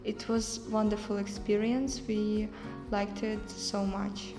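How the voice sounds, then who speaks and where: A woman's voice: mid-range voice, level tone, takes it slowly. A woman giving short, simple answers about tolerance and trips. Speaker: project participant. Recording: reverberant hall with faint music.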